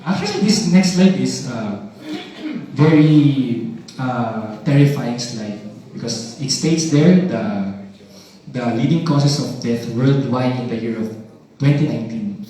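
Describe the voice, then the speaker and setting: A young man giving a stage product presentation, animated and calling for replies from the audience. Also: medium pitch, a little slow, a little hiss or hum. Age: young adult. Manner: animated, audience call-and-response. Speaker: business development presenter. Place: large hall, heard from the mic at a distance. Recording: echoey hall from far off.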